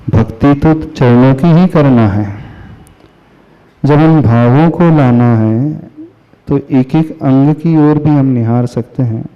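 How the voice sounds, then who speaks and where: A man, a Jain monk, delivering a devotional sermon, asking his listeners questions and chanting verses slowly. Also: medium pitch. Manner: slow, asks the audience questions. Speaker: Jain monk giving a discourse. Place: hall with listeners. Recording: reverberant hall, dull lo-fi sound.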